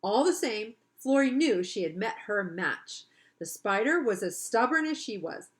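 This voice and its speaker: A woman's voice: medium pitch, expressive, a little slow, rough recording. A woman teacher reads a children's book aloud. Her voice sits in a middle range. She often stops to explain the story to her listeners in a chatty, friendly way.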